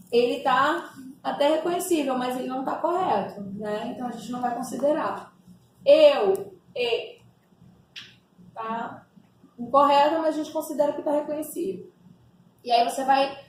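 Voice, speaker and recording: A woman's voice: sits high, a little mellow. A woman training a group, explaining step by step with frequent tag questions and sounding out example words herself. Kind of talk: teaching a training session. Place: echoey room. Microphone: distant mic. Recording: echoey room, distant mic, faint noise.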